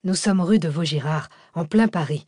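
A woman voicing a calm man who speaks in a steady, reassuring way under pressure. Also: deep voice, moderate pace, breathy edge, no echo, studio quality.

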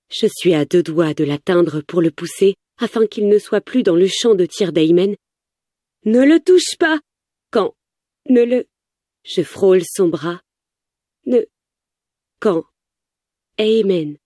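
A woman's voice: fairly low pitch, dark tone, dry recording, clean studio sound. A woman narrating a first-person story with tense, urgent delivery.

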